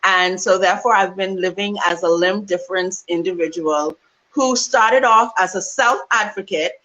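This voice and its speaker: Bright-voiced Bahamian woman. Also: mid-range voice, moderate pace, rough recording. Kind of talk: interview talk.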